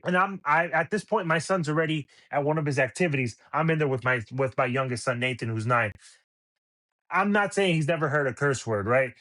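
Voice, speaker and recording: A man's voice: on the high side, brisk, pushed and bright. A middle-aged man hosting a podcast, ranting about sports radio with exasperated rhetorical questions. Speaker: podcast host. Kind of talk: opinionated sports rant.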